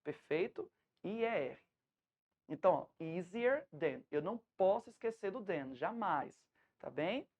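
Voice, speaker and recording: A woman's voice: lowish voice, expressive, unhurried, a little mellow. A woman with a Brazilian Portuguese accent, an English teacher giving a patient, step-by-step lesson to a class at home, checking often that students follow.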